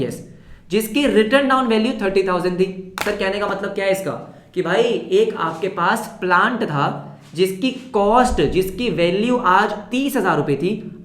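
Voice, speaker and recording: A male accounts teacher with a sore throat, running a fast revision lesson, asking the class questions and answering them himself. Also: sits high, a bit bright, roomy sound. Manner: quizzes students then answers his own questions.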